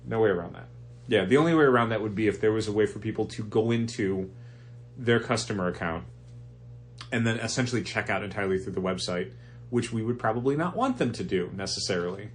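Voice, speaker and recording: A man's voice: fairly low pitch, animated, fast talker. A man co-hosting a comic shop podcast, explaining at length with restarts, his voice stuffy from allergies. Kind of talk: casual chat.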